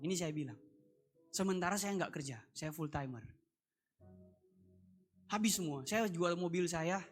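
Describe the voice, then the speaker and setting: A male pastor from North Sulawesi delivers a sermon with a testimony, his voice a touch high and ringing with a bright, forceful edge. He tells his story vividly, jumping from loud, emphatic peaks to hushed narration. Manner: animated storytelling, swinging between loud emphatic preaching and quiet narration. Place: church service.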